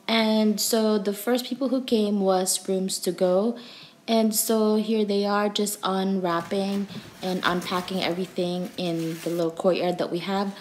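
A woman's voice: mid-range voice, steady tone, measured pace, slight background noise. A young adult woman vlogger giving a cheerful, chatty voice-over for a home video, with frequent ums and uhs.

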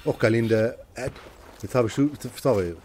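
A man playing a co-op video game, chatting casually with his partner and shouting excitedly at the monster. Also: medium pitch, moderate pace, slight background noise. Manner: talks to himself and partner, excitable outbursts, cursing at the monster. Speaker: gamer playing co-op. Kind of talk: casual gaming commentary.

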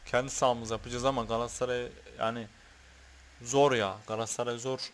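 Man, gaming commentary, middle pitch, mutters over team picks, swears, talks to players on screen, worked up over fouls. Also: flat delivery, brisk, a little hiss or hum. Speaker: gaming YouTuber. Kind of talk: football video game commentary.

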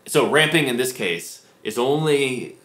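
A man's voice: mid-range voice, lively intonation, a little slow, fairly bright tone. Man, co-host, chatty asides, casual, roomy studio sound. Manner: chatty, jumps in with asides and restarts. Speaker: co-host of guitar tutorial. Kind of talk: casual tutorial chat.

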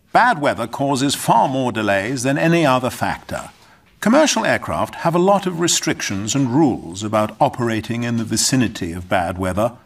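A man delivers a scripted informative presentation with animated intonation. His voice is mid-range and sits a little back from the microphone. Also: mid-range voice, distant mic. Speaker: presenter of a lesson talk.

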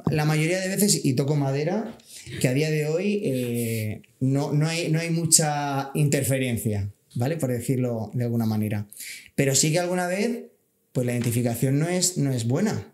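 A man's voice: medium pitch, fairly quick, darkish tone, reverberant. A man, a civil guard officer talking earnestly in a casual podcast, backing his points with everyday examples.

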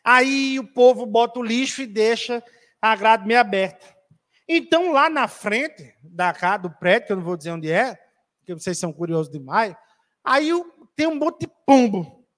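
A man's voice: very high voice, animated, moderate pace, a bit bright. A man giving a spiritist lecture in an auditorium, telling a story in a chatty, teasing way and calling out audience members by name.

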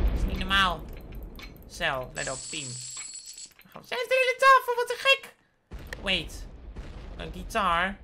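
A woman giving playful game commentary as a gaming YouTuber, excitable, with sudden high squealing outbursts. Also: slight background noise. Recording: clear keyboard typing and clicks.

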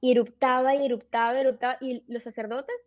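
High-voiced woman telling a story animatedly. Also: fast, dry recording, lo-fi sound. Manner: animated, filler-heavy retelling with many "o sea". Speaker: podcast guest. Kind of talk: casual storytelling interview.

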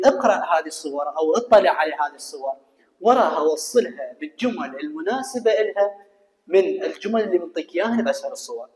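Male teacher, Iraqi Arabic accent, fairly high voice, slow explaining, long reverb. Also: a little mellow. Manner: explains slowly, reads English phrases then translates them. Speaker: English teacher. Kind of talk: recorded classroom lesson. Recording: echoey room with long reverb.

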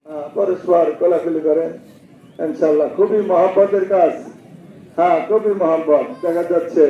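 A man's voice: fairly high pitch, narrow, tinny audio. A man giving casual running commentary on a crowd at an outdoor prayer ground, putting in "yes" between his remarks. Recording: echoey outdoor sound from far off, crowd behind.

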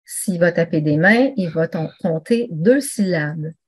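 Speaking a little slowly in a lowish voice with lively intonation and a breathy edge, a woman runs an online teaching webinar. Her delivery is conversational, packed with fillers and false starts.

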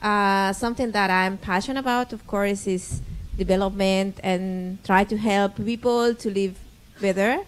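A woman from Bolivia introducing herself in a halting, giggly way into a handheld mic in a conference room. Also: medium pitch, steady tone, a little hiss or hum, poor audio. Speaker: conference participant. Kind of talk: self-introduction to an audience.

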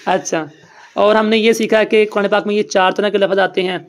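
A recitation teacher with a mid-range, level voice gives a classroom lesson, explaining things step by step in a plain, conversational way. She patiently quizzes the students over and over and has them repeat the answers back in a call-and-response style.

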